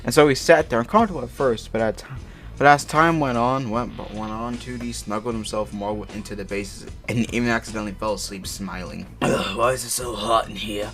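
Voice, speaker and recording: Over music playing in the background, a man reads fan fiction aloud for an online video as a comic dramatic performance with casual commentary. His lowish, fairly bright voice is steady and brisk, though he trips over words and lets slip exasperated, profane, slangy asides.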